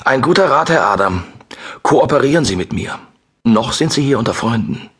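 A man's voice: medium pitch, animated, normal speed, a bit bright, slightly rough, pitched above the performer's own voice. A man voicing a bull-necked guard commander in his early fifties, who talks in a cold, hissing, threatening way and drops into menacing whispers. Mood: contemptuous.

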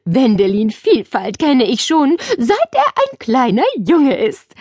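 A woman voicing a kindly, gently teasing great-aunt in her later years, telling an old story in an audiobook for children. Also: fairly high pitch, huge pitch swings, takes it slowly, no room sound, clean studio sound, voice pushed up, heavily acted. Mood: warm, reminiscing.

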